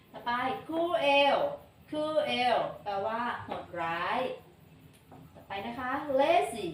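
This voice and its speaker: A woman teacher with a Thai accent slowly reading English words twice each and translating them for young pupils. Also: on the high side, echoey room, recorded from a distance, slight background noise, low-quality recording. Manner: slow, repeats each word twice then translates. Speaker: primary school English teacher. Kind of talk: vocabulary lesson for young children.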